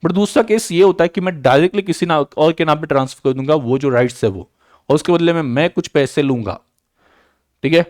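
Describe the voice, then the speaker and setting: A man's voice: on the high side, a little mellow, no room sound, clean studio sound. A man lecturing on accounting, mixing English terms into his explanation and often checking that students follow. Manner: repeats key points, checks understanding with "बराबर?" and "clear?"; slows down to dictate journal entries. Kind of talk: recorded online lecture.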